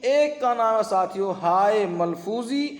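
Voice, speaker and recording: Male grammar teacher, quizzing tone, high pitch, roomy echo. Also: animated. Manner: drills with questions and answers; addresses students as companions. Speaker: Urdu teacher. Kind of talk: online grammar lesson. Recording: echoey room with long reverb.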